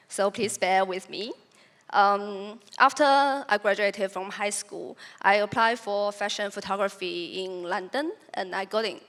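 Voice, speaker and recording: A woman's voice: mid-range voice, fairly bright tone. A young woman from China, a native Chinese speaker, giving a prepared talk about her photography in an earnest, reflective way with occasional restarts.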